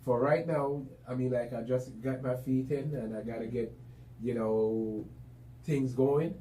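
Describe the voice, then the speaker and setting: A man's voice: medium pitch, fairly even intonation, a little slow, mellow. A man chatting casually as an interview guest, talkative and loose with lots of fillers. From Jamaica. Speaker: business owner guest. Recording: echoey room, mic at a distance, faint background noise.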